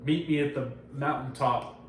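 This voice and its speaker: A man's voice: medium pitch, steady tone, moderate pace, a little hiss or hum, close to an everyday voice. A man voicing a pompous, self-important male Jedi hermit in a lofty, solemn tone while retelling a comic. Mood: grandiose. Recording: roomy echo, distant mic, faint ambience.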